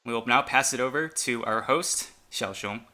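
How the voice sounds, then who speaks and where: A man whose native language is Chinese provides chatty fan commentary on an esports match, calling out players individually. He talks at a normal speed in a medium-pitched voice that's pushed and bright.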